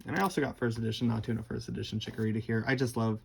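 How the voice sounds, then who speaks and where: A young man with a lisp and a husky, creaky voice, rambling and halting through a casual, sweary show-and-tell. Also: medium pitch, steady tone, a little hiss or hum. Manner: rambling, halting, enthusiastic wording. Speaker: card collector presenting a collection.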